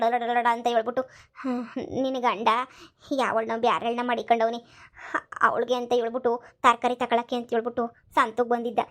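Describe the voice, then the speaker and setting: A woman voicing a grieving, gossipy old village mother, lamenting in slow drawn-out cries for a cartoon comedy. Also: a little high, natural voice.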